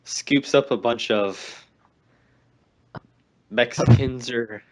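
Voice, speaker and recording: A male podcast co-host chatting casually about games. He rambles, jokes, and often backtracks on what he just said, in a voice of ordinary pitch. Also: very slow. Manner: rambling, jokey, self-correcting. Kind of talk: casual chat.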